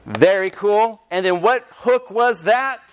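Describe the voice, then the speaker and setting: A man presenting a hands-on teacher training workshop, upbeat and energetic as he demonstrates to a room of teachers. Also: high voice, slow, clean tone. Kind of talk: live teacher training session. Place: conference room with audience.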